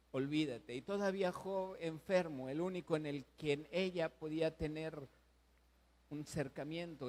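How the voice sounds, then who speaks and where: A man preaching a sermon, slow and earnest, with emphatic rises and hushed endings. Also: on the high side. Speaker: pastor.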